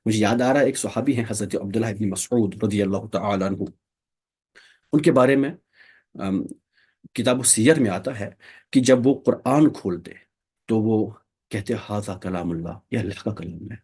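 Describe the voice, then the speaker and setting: Male religious teacher, mellow raspy tone, patient explainer. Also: lowish voice, pauses often. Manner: explains patiently, checks understanding with "theek?". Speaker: Tajweed teacher. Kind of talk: Quran recitation lesson, Urdu mixed with English.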